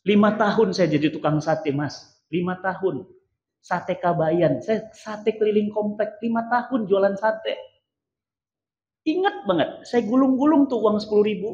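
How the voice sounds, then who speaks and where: Male preacher, high voice, theatrical sermon delivery, echoey mosque PA sound. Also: unhurried, slight background noise. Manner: animated, theatrical, acts out quoted voices. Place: large mosque hall. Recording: echoey, dull mosque PA recording.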